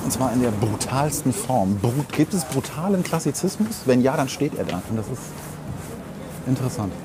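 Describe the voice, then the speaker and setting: Animated and mid-range in pitch, a man speaks at a normal speed while co-hosting a podcast on foot through city streets, wordy and opinionated, repeatedly rephrasing himself. Street ambience and vehicles are clearly heard outdoors.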